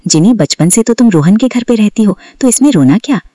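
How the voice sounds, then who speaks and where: A woman's voice: medium pitch, expressive, a little fast, mellow, dry recording, studio quality, pitched above the performer's own voice, natural voice. A woman voicing a teasing young woman friend in a storybook.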